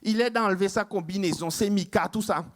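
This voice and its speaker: A man doing stand-up storytelling, with a lively, teasing delivery full of sound effects. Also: high-pitched, fairly quick. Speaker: stand-up comedian.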